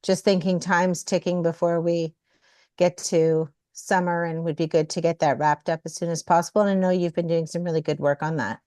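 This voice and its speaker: A woman's voice: lowish voice, flat delivery, moderate pace, darkish tone, no echo, studio quality. A woman on a committee asking polite, hesitant questions while her video-call audio glitches, warbles and cuts out. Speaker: committee member. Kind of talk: joining a meeting remotely.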